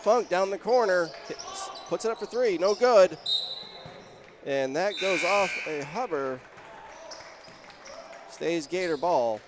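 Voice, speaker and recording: A young man calls a high school basketball game play by play, his voice sitting somewhat high and climbing into shouts when a shot drops. The live gym hum and bouncing balls stay audible under him. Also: takes it slowly, long pauses. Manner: excited, rising to shouts on big plays. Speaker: play-by-play commentator. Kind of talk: live sports commentary.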